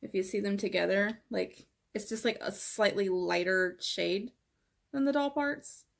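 A young woman vlogging casually about her makeup collection, chatty, with many "like" fillers and soft whispered asides. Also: mid-range voice, measured pace, gravelly. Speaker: beauty vlogger.

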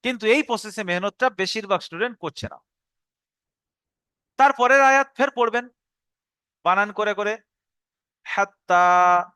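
Male teacher for a tutorial, high bright voice, clear and smooth, repeats steps patiently. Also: dry recording. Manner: explanatory, repeats instructions, slows to recite verses. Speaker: Quran teacher. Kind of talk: online tutorial lesson.

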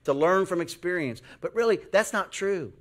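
A middle-aged American man preaching a folksy, animated sermon as a pastor, acting out voices in his stories. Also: sits high, moderate pace. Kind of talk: sermon with storytelling.

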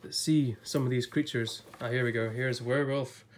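Indoors at a table with a blue backdrop, a male YouTuber reviews an illustrated book, flipping through it casually and chatting as he thinks aloud. His mid-range voice is a little off from a recent illness, with fairly even intonation at a moderate pace, and there's a little hiss or hum.

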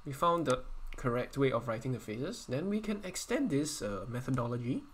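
Man hiccuping through a software tutorial. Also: mid-range voice, sing-song, husky. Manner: halting, self-correcting, counts points aloud. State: coughing, hiccuping. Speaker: engineering tutor. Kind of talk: screen-recorded software tutorial.

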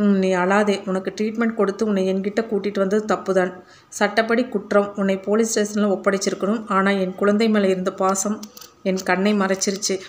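An earnest, troubled father pleads in quick, long runs of speech, voiced by a woman narrator. His pitch stays flat, in an audiobook reading. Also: lightly acted.

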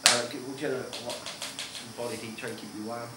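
A man's voice: medium pitch, steady tone, quick pace. A man in a stone bothy giving practical advice to fellow hikers. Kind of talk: casual chat. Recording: echoey room, far off, loud noise.

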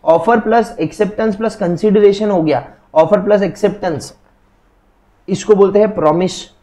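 Young male law lecturer, high-pitched, casual and jokey, teaches through everyday anecdotes. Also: moderate pace, warm tone. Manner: chatty, jokey storytelling to explain law.

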